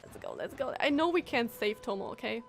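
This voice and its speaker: A female streamer offers casual gameplay commentary in a fairly high voice with vocal fry, talking a little fast. Her pitch swoops wildly as she reacts emotionally and exclaims often. Faint game music runs in the background.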